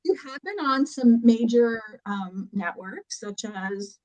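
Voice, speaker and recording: A woman's voice: a little high, animated, takes it slowly, a little mellow, rough recording. A woman co-hosting a casual podcast, chatting informally with guests. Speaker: podcast co-host. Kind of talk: casual chat show hosting.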